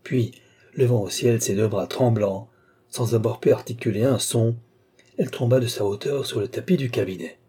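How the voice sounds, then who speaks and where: A man narrating a classic novel in a steady, measured audiobook reading. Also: medium pitch, breathy edge. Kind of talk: scripted narration.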